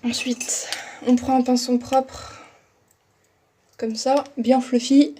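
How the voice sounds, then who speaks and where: A woman's voice: high-pitched, little pitch movement, slow pace, mellow, slight background noise. A young woman chatting casually through a makeup tutorial, talking as she works and making fun of herself. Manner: chatty, self-deprecating, talks while working. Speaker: makeup vlogger.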